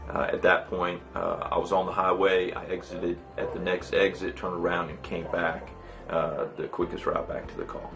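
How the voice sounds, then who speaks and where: A low, creaky male voice, middle-aged and flat in intonation, recalls events as a fire chief in a documentary interview. He is halting and matter-of-fact. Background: background music.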